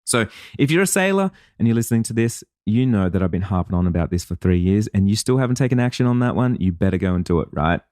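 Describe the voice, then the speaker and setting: Emphatic low-voiced male podcast host. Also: expressive, fast, a little mellow, no echo, studio quality. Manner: emphatic, punchy, casual with swearing; acts out listeners' and clients' voices. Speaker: podcast host and business coach. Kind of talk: solo podcast monologue.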